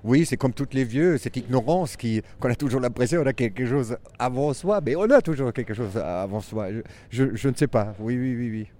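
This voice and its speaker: Man, German accent, mellow voice, circus artist musing aloud in interview. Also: mid-range voice, expressive. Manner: halting, many restarts, reflective. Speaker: circus performer and clown. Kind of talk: interview answers.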